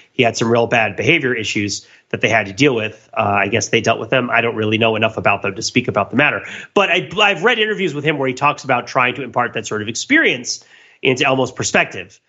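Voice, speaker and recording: On a muffled recording, a male podcast host with a mid-range, sharp voice and a breathy edge thinks out loud. The discussion is casual and analytical, and he rambles in wordy, intellectual phrasing, often repeating himself.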